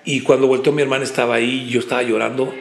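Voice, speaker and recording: A man, a preacher guest on a podcast, telling a personal story in an animated way, often repeating words and acting out quotes. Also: medium pitch, rapid-fire, gravelly. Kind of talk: casual storytelling chat. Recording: echoey room with faint background noise.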